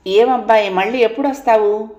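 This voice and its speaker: A woman voicing an easygoing, joking husband who teases his wife calmly and with good humour. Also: on the high side, fairly quick, lo-fi sound, voice pushed up, close to an everyday voice. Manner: calm, teasing, good-humoured. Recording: roomy echo.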